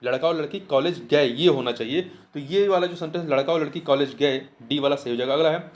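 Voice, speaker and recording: A man's voice: on the high side, brisk. A man with a slightly raised voice talks through test questions one by one. He asks the question, answers it himself, then says the answer again, like a teacher drilling students. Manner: repeats answers, asks and answers his own questions. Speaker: Hindi exam teacher. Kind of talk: test answer explanation lesson.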